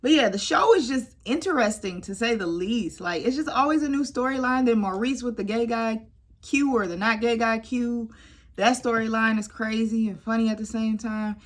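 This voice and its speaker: A woman casually reviewing a TV show, lively and expressive, dropping into stage whispers for asides. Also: a little high, normal speed. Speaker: YouTube TV reviewer.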